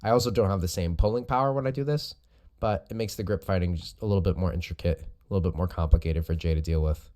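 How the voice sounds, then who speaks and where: A man's voice: low-pitched, fast talker, mellow. A man speaking as a host and coach, giving casual, informal explanatory commentary over recorded sparring footage. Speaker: host and jiu-jitsu coach.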